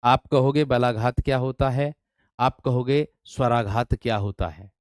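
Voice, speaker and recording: A man teaches a grammar class for exam candidates, his voice smooth and resonant. The sound is dry and close, with no room echo. He keeps asking the students whether they have followed, and he drags out single words as he writes them on the board. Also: medium pitch, darkish tone. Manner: repeats words slowly while writing on a board; asks the students frequent check-in questions. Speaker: Hindi teacher. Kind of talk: online exam-prep class.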